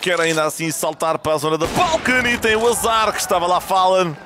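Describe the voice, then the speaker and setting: A man with a European Portuguese accent commentating a live esports match play by play, getting excitable as the action builds. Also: high voice, a little fast, over music. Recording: clear noise behind, game ambience.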